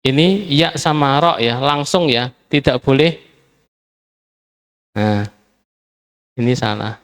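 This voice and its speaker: Guy teaching a class, real slow, smooth clear voice. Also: medium pitch, fairly bright tone. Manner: slow, patient, repeats words for drilling. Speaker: Arabic teacher. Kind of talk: classroom lesson.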